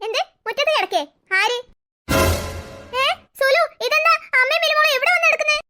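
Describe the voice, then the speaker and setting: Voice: very high-pitched, fairly quick, music in the background, voice pushed up. A voice actor playing a sleepy, grumpy grown man who grumbles and talks with sarcasm. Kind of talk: cartoon voice acting.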